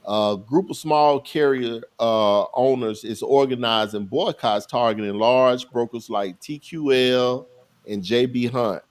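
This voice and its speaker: A man's voice: mid-range voice, a little slow. A man co-hosting a casual talk show, reading a news item aloud and then commenting on it. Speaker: podcast co-host. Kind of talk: casual chat.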